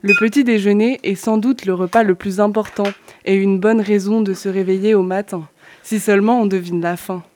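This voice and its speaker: A woman's voice: medium pitch, steady tone, moderate pace, darkish tone. Woman reading playful surreal verse. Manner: playful, dreamlike free-associating delivery. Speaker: participant reading on an event radio. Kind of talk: reading surreal poetic text. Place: makeshift radio at a summer gathering.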